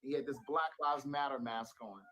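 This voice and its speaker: A man on a panel tells a story in a casual, animated way. He builds it up dramatically. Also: medium pitch, moderate pace, poor audio.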